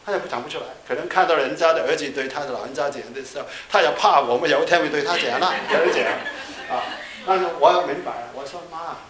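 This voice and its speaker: Fast and barely pausing, a middle-aged pastor with a fairly high, fairly bright voice gives a chatty sermon peppered with fillers and tag questions aimed at his listeners. The room echoes and there's a faint hiss.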